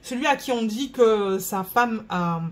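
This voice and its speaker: A woman's voice: on the high side, a little slow. A woman vlogger chatting casually, rambling and searching for words while she sorts craft beads. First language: French. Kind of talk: casual chat.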